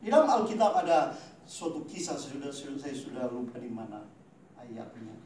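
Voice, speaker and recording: A male pastor preaching a sermon, addressing the congregation directly, swinging between loud emphatic peaks and quiet low asides and tagging his lines with a questioning "ya". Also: sing-song, moderate pace, noisy background. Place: church hall. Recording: very echoey hall, from far off.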